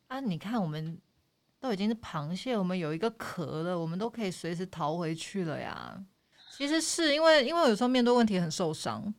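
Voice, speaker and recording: A woman, talking as a guest in a relaxed chat. Her voice sits a little low, and she explains her views at length in a candid, reflective way. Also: fairly quick. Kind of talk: casual chat.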